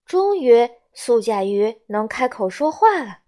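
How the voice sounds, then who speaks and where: A woman storyteller reads a children's storybook aloud, gentle and expressive, in a voice a little high and a little slow, with soft music playing behind her.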